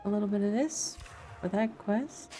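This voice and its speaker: A woman streams gameplay with casual live commentary, musing and thinking aloud while she plays. Her voice is medium in pitch and her pace moderate. Music and game audio play in the background.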